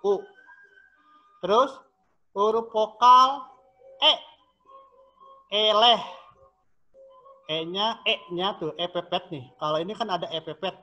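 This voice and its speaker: A man with a high, bright voice explains a lesson at an unhurried pace. He draws out each sample word carefully, as if for young students. The audio is dull and lo-fi, with a little music in the background. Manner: slow, drawn-out modelling of each syllable. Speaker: teacher.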